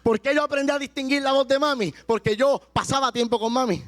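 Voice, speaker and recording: A pastor preaching a sermon with passion, at times slowing down and shouting for emphasis. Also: male voice, very high-pitched, faint music behind.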